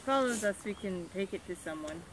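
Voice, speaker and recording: A young woman chatting casually with a friend outdoors, dry and low-key with wry asides. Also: animated, a little fast. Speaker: friend along on a vlog. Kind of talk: casual chat. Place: outdoors in a windy botanical garden.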